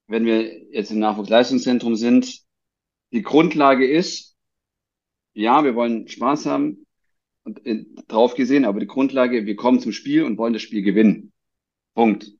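A man hosting a podcast interview, talking in a halting way and reworking his sentences mid-thought. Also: medium pitch, darkish tone, highs cut off. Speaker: podcast host. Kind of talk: conversational interview.

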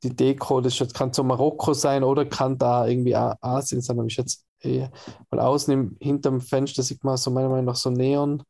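A man's voice: mid-range voice, little pitch movement, a little fast, gravelly, dark tone. A man, co-hosting a casual film podcast, rambling with many fillers and restarts. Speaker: podcast co-host.

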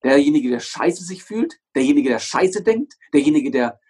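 A man's voice: a little high, expressive, moderate pace, a little mellow, slightly rough. A young man as an interview guest and motivational coach, talking with energy, swearing often and driving his points home by repeating them. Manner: emphatic, swears often, hammers phrases through repetition.

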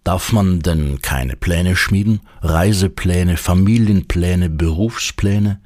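A man giving a calm, measured scripted devotional reading of scripture and reflection. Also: low-pitched, no echo. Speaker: devotional reader. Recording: dry close studio sound.

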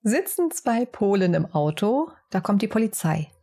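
A woman's voice: medium pitch, very animated, normal speed, warm tone, husky. A woman co-hosting a podcast, casually telling jokes and stories, teasing and laughing often. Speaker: podcast co-host. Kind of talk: casual chat and joke telling.

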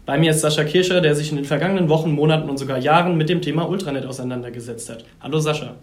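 A man's voice: a little high, rapid-fire, reverberant. A man hosting a podcast interview, reading a scripted intro and then asking long questions. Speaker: podcast host.

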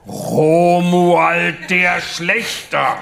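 An author reading aloud, voicing a gruff man who poses as a medieval knight and threatens in old-fashioned, pompous speech. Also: flat delivery, a bit bright, heavily acted. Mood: menacing. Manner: archaic, pompous, drawn-out booming delivery.

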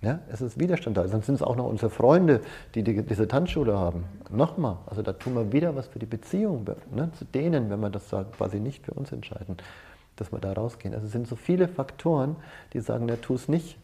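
Fast and expressive, this man's medium-pitched voice is mellow with a touch of vocal fry. He's a seminar leader giving informal talk peppered with personal anecdotes, often pausing to check in with quick tag questions.

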